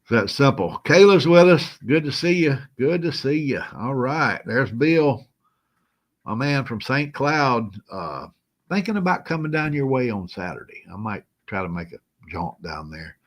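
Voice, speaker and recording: A man's voice: mid-range voice, very animated, unhurried. A man hosting a casual live stream, greeting viewers by name in a folksy, chuckling way while feeling a little unwell. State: feeling unwell, moving slow.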